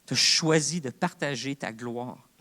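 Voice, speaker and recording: A man's voice: mid-range voice, unhurried, sharp tone. A man with a Québécois French accent, preaching a sermon as co-pastor in an earnest, conversational way. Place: church.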